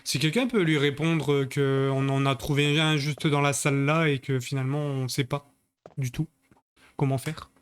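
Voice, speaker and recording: A man's voice: a little high, fairly even intonation, normal speed, clean tone. A man streaming a video game live, chatting with his viewers in crude, joking banter. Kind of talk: live-stream gaming commentary.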